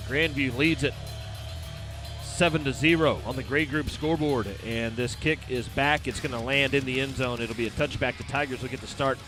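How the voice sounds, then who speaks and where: Over music, a man keeps a steady tone while announcing a high school football game at an outdoor stadium. He briskly calls each snap and includes sponsor reads.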